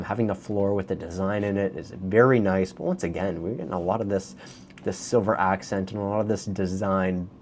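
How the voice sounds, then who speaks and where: This Canadian real estate host runs through listings in a casual, chatty way, speaking straight to his viewers. His voice is on the low side, with a little hiss or hum underneath.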